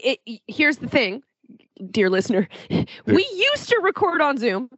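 A woman co-hosting a podcast in casual comedic banter, with playful deadpan sarcasm. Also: high-pitched, a little slow, slightly rough, dry recording, dull audio. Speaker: podcast co-host.

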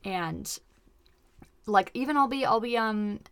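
A woman's voice: a little high, lively intonation, slow, dry recording. A woman comedian hosting a casual chat show, talking in a slangy, exclamatory way with plenty of swearing. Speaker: podcast host, comedian.

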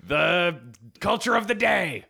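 A cartoonishly gravelly, heavily creaking male voice with a sharp edge. He hosts a comedy podcast, delivering mock-grandiose jokes in loose banter. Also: high voice, animated, slow. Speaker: podcast host.

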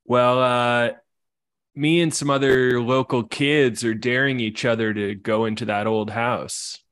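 A man's voice: medium pitch, level tone, a little slow, a bit bright, clear, resonant tone, no echo, pitched below the performer's own voice, close to an everyday voice. A man doing a daring neighborhood kid. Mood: scheming.

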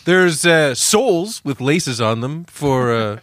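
A man with a fairly high, lively voice hosts a casual comedy podcast. He talks slowly, jokes crudely and laughs a lot. The sound is dry and close. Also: dry recording. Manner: crude, laughs often, jokey. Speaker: podcast host.

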